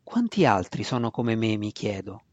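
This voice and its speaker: A defiant young dark elf swordsman, as the audiobook's male narrator voices him, speaking low and unhurried with a quiet threat underneath. The sound is close and dry. The recording is a little dull and muffled. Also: dry recording. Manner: low, slow, calm menace.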